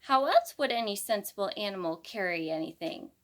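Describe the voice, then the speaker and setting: A woman voicing a brisk, superior mother monkey who answers with a sniff. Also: medium pitch, animated, a bit bright, pitched below the performer's own voice, lightly acted. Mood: haughty.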